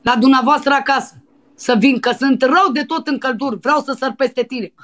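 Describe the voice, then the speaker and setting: O femeie care face o dansatoare obraznică și nerăbdătoare. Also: female voice, high voice, lightly acted. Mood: lustful, pushy. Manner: pushy and breathy, with crude demands. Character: brazen lustful young woman dancer caller. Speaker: prank caller. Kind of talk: prank phone call.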